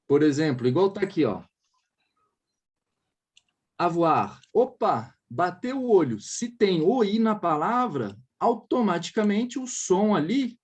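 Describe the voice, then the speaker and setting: A French teacher with a Brazilian Portuguese accent and a high, breathy voice gives a relaxed one-on-one lesson. He explains patiently, models sounds for his student to repeat, and keeps checking that she's following.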